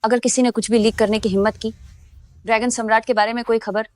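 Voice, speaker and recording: A woman's voice: fairly high pitch, flat delivery, fast, darkish tone, no echo, lightly acted. A woman voicing a curt, commanding enforcer. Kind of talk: Hindi dub of a drama.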